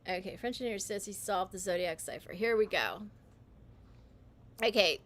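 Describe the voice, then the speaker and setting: A woman hosting a livestream, talking in a meandering, halting way, often correcting herself as she types. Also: mid-range voice, fairly bright tone. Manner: typing while talking. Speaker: livestream host. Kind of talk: rambling livestream monologue.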